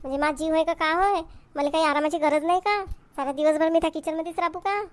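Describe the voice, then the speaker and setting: A woman's very high, fast voice with fairly even intonation brings to life a hard-working, fed-up village wife in a comedy cartoon. She complains and scolds with a sharp tongue in a Varhadi Marathi accent from Vidarbha; the recording is dry.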